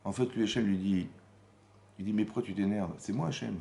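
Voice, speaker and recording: A man's voice: fairly low pitch, steady tone, brisk, vocal fry, warm tone. A man teaching a Torah class as rabbi, his voice climbing and dropping as he acts out the dialogue he explains. He keeps turning to his listeners with rhetorical questions. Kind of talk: lively Torah lesson. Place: Paris community hall.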